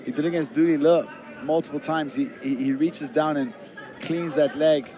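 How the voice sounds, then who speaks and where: Male fight analyst, live colour commentary, informal, analytical, slightly high voice, halting phrases, clear crowd noise. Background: arena crowd.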